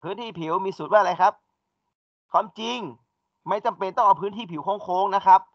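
In a classroom lecture, a male engineering lecturer explains things step by step and asks his students questions. His voice sits high and moves fairly quickly, recorded dull and dry with no room sound.

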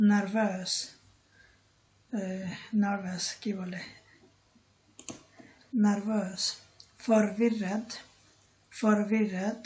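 Slow, careful woman teaching vocabulary. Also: medium pitch, a little mellow, poor audio. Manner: repeats each word slowly, with filler "to". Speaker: language teacher.

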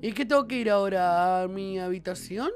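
High-voiced excitable Rioplatense gamer guy. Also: moderate pace. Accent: Rioplatense Spanish. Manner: excitable, bursts into shouts. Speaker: gaming YouTuber. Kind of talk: let's play commentary.

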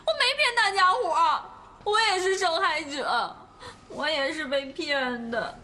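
A woman's voice: very high voice, expressive, normal speed, sharp tone, full character voice. An actress playing a distraught young woman who cries and stammers as she pleads. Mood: tearful. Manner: sobbing, stammering pleas. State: crying. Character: distraught young woman Caomei, tearful and clingy. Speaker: young woman claiming pregnancy.

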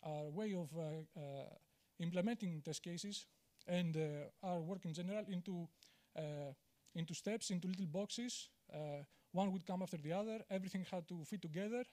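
With a warm, high voice at an ordinary pace, a Greek conference speaker addresses a large auditorium from the stage through a handheld mic. He's frank and self-deprecating, and his speech is dotted with fillers and restarts.

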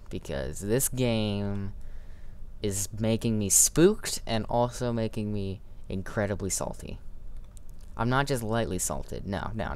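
A man's voice: lowish voice, clean tone. A man giving goofy, jokey commentary while playing a horror game. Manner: goofy, jokey self-talk. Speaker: let's play gamer.

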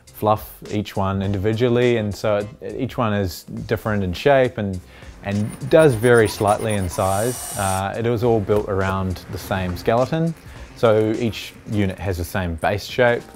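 Faint music plays behind this young designer and studio founder as he talks in a documentary interview, his delivery reflective and full of restarts and "uh"s. He has a fairly low, slightly mellow voice with fairly even intonation and an unhurried pace. A lapel mic captures him inside a large design workshop.

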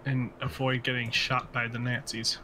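A man's voice: medium pitch, monotone, normal speed, background noise. A man co-hosting a let's play, dropping playful side remarks and jokes. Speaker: gaming channel co-host. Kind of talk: casual let's play commentary.

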